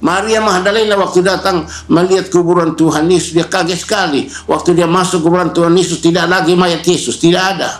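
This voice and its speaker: A male pastor preaching a sermon, repeating key words and pausing for emphasis. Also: on the high side, echoey room. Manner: preaching with repetition and emphatic pauses.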